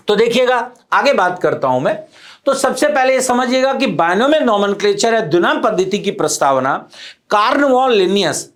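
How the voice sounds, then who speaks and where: A man teaching a botany class. He explains step by step, repeats each term in two forms, tells students to listen carefully, and asks questions that he then answers himself. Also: high voice. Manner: explains step by step, repeating terms in Hindi and English. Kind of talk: classroom lecture.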